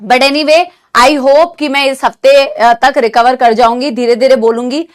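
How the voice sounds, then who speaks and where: A young woman teaching a live online class with a sore throat from a cold, talking gently and affectionately to her students while mixing Hindi and English. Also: sits high, fairly even intonation, measured pace. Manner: motherly, calls students "beta", mixes Hindi and English. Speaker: online NEET biology teacher.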